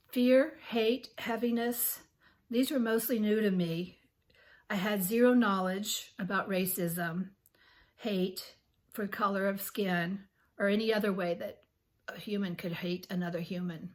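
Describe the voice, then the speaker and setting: A woman in her sixties, host of her own channel, reads her reflections to camera slowly and earnestly in a soft, medium-pitched tone. Illness has left her voice scratchy and a bit worn, and she occasionally pauses to clear her throat.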